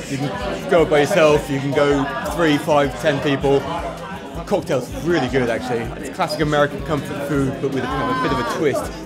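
Male diner, 40s, easygoing reviewer, packed room chatter and music behind. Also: a little high. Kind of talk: on-camera interview. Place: busy restaurant dining room. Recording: loud music and crowd chatter.

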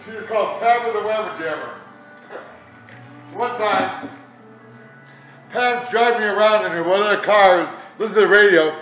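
A man's voice: high voice, moderate pace, long pauses. Rambling man from Indiana, far off. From Indiana, USA. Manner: rambling, crude, chuckling between stories. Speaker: coffee shop customer. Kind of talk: rambling monologue. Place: indoor coffee shop. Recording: echoey dull distant room recording with music.

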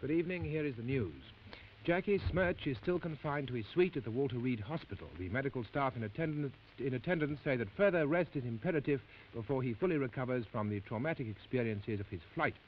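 A formal male newsreader, played by an actor, with a mid-pitched voice and crisp, measured phrasing. The sound is dull and old, with a faint hiss, like an early broadcast. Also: lively intonation, close to an everyday voice. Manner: crisp, measured news delivery. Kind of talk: 1950s television drama.

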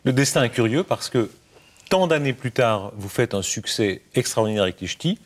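A man's voice: mid-range voice, expressive, normal speed. A man interviewing a guest, prompting her with questions and short tag questions.

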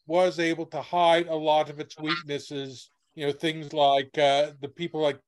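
A guest speaker on a video call whose audio keeps breaking up, answering questions in a halting way with repeated words and restarts. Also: male voice, on the high side, level tone, clean tone, soft background music. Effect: choppy, breaking-up video call audio.

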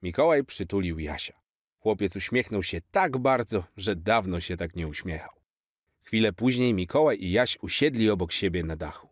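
A man narrating a children's story in a clear, expressive reading. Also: low-pitched, normal speed, no room sound, clean studio sound.

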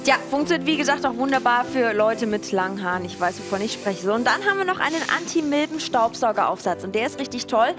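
A woman's voice: a little high, expressive, fast talker, hardly any pauses. A woman in her thirties co-presenting a teleshopping show in a studio, selling in an informal, conversational way. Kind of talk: chatty sales pitch. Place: TV studio set. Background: background music.

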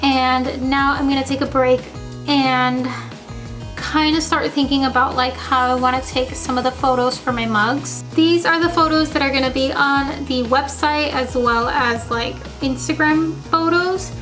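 A young adult woman who runs a small ceramics business vlogs casually from her home studio office and dining room, upbeat and chatty with lots of "like" fillers and a little hoarse as she loses her voice. Her voice sits high, steady and a bit bright at a measured pace, in an echoey room with faint music behind. The camera is mounted on a window, sometimes handheld.

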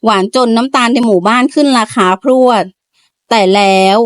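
A woman storyteller giving playful, lively scripted narration of a comic audio story. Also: on the high side, moderate pace, no room sound, studio quality.

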